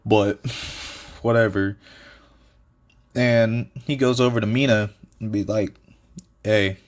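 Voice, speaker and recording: Man, low voice, slow, rambling casual narration, fillers, fan story. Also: steady tone. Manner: rambling, many fillers and restarts, chuckles.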